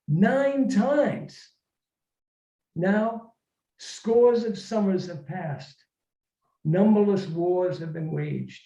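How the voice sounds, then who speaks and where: A man with a high, mellow voice reads and discusses his own work at a literary reading, speaking in a reflective, halting way to an audience. The informal talk is recorded from a distance in an echoey room, so the sound is muffled.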